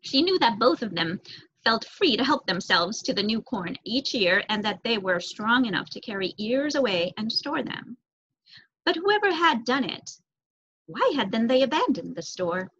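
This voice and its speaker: A young woman reads a storybook aloud with expressive, varied emphasis. Her voice is fairly high and lively, slightly husky, and the recording is dull and lo-fi. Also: moderate pace. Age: young adult. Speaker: reader.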